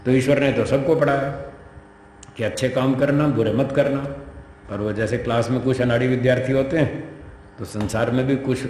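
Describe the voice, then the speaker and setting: A man's voice: medium pitch, a little mellow. Man teaching scripture in an echoey hall. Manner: conversational, acting out dialogue in his explanations. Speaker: spiritual teacher. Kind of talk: lecture explaining a scripture to students. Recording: echoey hall with faint background noise.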